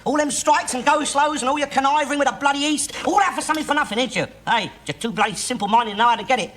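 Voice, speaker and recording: An actor playing a loudmouthed, bigoted, middle-aged working-class man, ranting and swearing in a Cockney accent. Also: very high voice, fast talker. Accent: London Cockney. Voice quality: loud, ranting, swears constantly, tag questions. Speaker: sitcom lead character. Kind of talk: 1960s TV sitcom acting. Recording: noisy old TV soundtrack.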